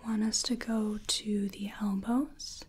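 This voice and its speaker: A woman in her twenties in a whispered role-play as a soothing clinician, giving slow, breathy relaxation instructions up close. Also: mid-range voice, level tone, a little mellow. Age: 20s. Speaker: ASMR performer playing a sleep clinician.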